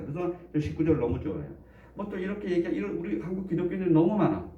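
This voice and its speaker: A pastor with a medium-pitched, warm voice preaches conversationally, often putting questions to the congregation and joking and chuckling between points. The recording comes from a distant, dull mic in an echoey room.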